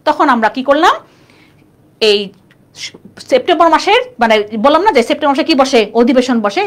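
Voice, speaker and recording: Quick, lively young woman tutoring. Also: high-pitched. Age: young adult. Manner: chatty, quizzing students with "clear?". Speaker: admission test tutor. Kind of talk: live online class lecture.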